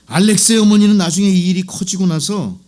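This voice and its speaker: A man's voice: sits high, fast, a little mellow. A middle-aged male pastor preaching a sermon, asking the congregation rhetorical questions and acting out doubters' voices in quoted asides.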